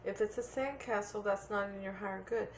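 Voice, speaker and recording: A woman gives a tarot reading to viewers, earnest and repetitive, checking in with "okay?" as her voice starts to give out a little. She speaks briskly in a mid-range voice. The audio is poor, with some hiss or hum.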